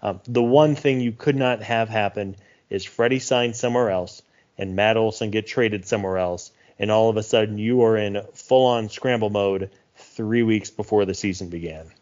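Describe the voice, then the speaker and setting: A man's voice: lowish voice, normal speed, a little mellow. A man co-hosting a sports podcast, speaking earnestly and reflectively with plenty of fillers. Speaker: podcast co-host. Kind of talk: casual sports podcast talk. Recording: muffled lo-fi podcast audio.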